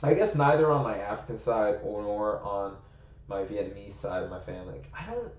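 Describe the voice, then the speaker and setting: Animated and fairly fast, a young American podcast co-host speaks in a lowish, darkish voice, musing aloud in loose conversation with heavy use of "like." The sound is roomy and a little muffled.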